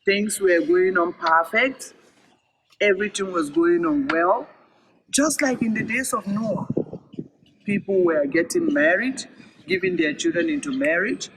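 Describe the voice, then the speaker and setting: At a recorded virtual event, a man with a high-pitched voice reads a story aloud with very lively pitch and deliberate, emphatic phrasing. The recording is clearly noisy and has clicks.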